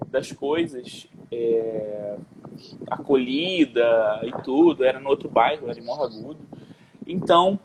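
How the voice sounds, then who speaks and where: A man with a fairly high voice tells his faith story as a guest on a video call. He talks casually and acts out what people said, with slang fillers along the way. Faint noise and a few clicks sit under his voice. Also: rough recording. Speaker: guest sharing a faith testimony.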